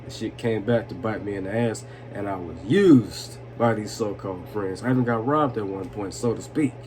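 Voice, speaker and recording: Here a man in his 20s with a fairly low voice, speaking at normal speed, spins casual, profane personal stories for his vlog. He sounds tipsy, rambles, chuckles, and leans on slang and the phrase "you know what I'm saying." The room is noisy with constant background noise.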